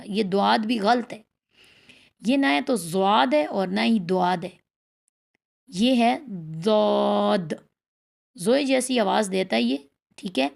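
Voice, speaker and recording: Gravelly woman teaching tajweed. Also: medium pitch. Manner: repeats letter sounds slowly and drawn out. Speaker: Quran recitation teacher. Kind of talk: tajweed pronunciation lesson.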